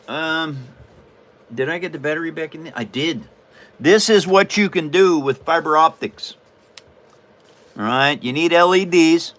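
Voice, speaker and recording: A man's voice: fairly high pitch, a little slow, long pauses, fairly bright tone. A man from Washington State hosting a casual livestream while he builds a paper model, folksy and rambling with frequent chuckles. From Washington State, USA.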